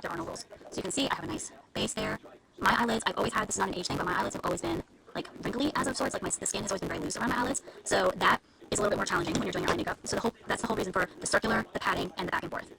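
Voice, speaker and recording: Fast, gravelly-voiced woman teaching makeup. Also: medium pitch, very noisy. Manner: chatty, explains step by step in detail. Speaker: beauty influencer. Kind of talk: live makeup tutorial. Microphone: live-stream camera mic.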